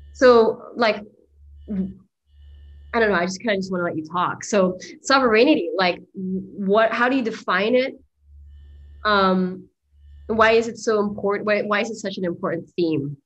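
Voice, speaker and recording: The audio is dull as a woman with a mid-range voice hosts an interview for a summit. She thinks aloud with enthusiasm on spiritual topics, using lots of filler words.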